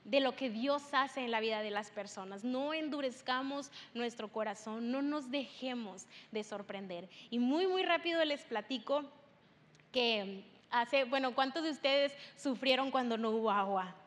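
Young woman preaching, high voice, chatty story, echoey church with faint music. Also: a little slow, a bit bright. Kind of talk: sermon. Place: church hall. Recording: long hall reverb with faint music.

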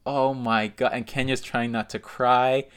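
Relaxed male podcast co-host. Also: mid-range voice, clear, resonant tone. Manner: laid-back, drawn-out recaps of reality TV fights. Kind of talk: casual chat.

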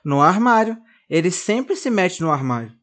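A narrator voicing a small, lively girl who bosses her dolls around, in a high, expressive child's voice. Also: normal speed. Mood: mandona. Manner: fala aguda e expressiva de criança. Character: menina pequena, animada e mandona com os bonecos.

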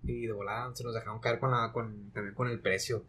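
A young man with a Mexican accent telling an animated, slang-filled story in casual chat. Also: on the low side, brisk, slightly rough. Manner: slangy, animated, acts out voices in anecdotes.

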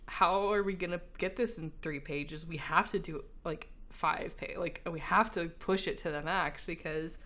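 A woman co-hosts a casual podcast chat, laughing often and filling her speech with fillers, sounding slightly congested as she recovers from an illness. Her voice is fairly low and a bit bright, at a moderate pace with few pauses.

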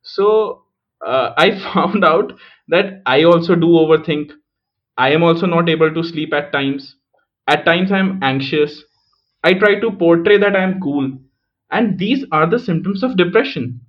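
A man's voice: on the high side, measured pace. A man hosting a podcast, thinking aloud in a reflective, casual way with frequent restarts. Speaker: podcast host. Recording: muffled lo-fi recording.

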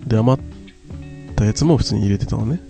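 A man's voice: lowish voice, fairly quick, gravelly, mellow. A man chatting casually and telling an anecdote, acting out bits of remembered dialogue in casual slang. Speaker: radio talk show co-host. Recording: guitar music in the background. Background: guitar music.

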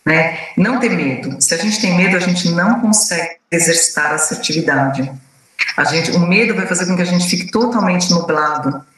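A woman giving a teaching talk, telling a personal story and acting out quoted dialogue in a lively way. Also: fairly low pitch, moderate pace. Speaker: speaker teaching a course. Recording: very echoey room, distant mic.

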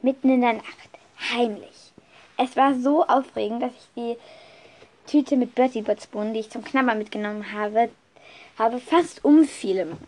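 A woman telling an improvised first-person story, lively, with frequent restarts and self-corrections. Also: fairly high pitch, normal speed.

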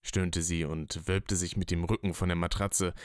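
A man reading a story as narrator in a steady, even manner. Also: deep voice, moderate pace, no room sound, clean studio sound. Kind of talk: scripted narration.

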